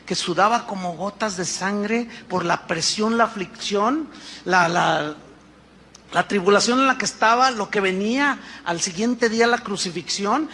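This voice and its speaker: A man, his voice high and bright, acting out quick dialogues and firing rhetorical questions. A faint noise sits behind him. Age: 50s. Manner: animated preaching with acted-out dialogues and rhetorical questions. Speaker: pastor. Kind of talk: sermon.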